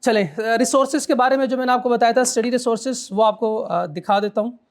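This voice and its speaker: A man's voice: very high voice, steady tone, brisk. A man giving a classroom law lecture, quizzing students and repeating his key points.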